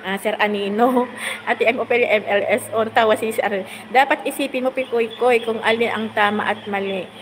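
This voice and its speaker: Give me a high-voiced chatty woman live-streaming from the road, reverberant sound with faint noise. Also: steady tone, normal speed. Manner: chatty, laughs often, rambling with many fillers. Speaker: live-stream vlogger reading viewer comments. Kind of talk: casual live-stream chat. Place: on the road, in a vehicle.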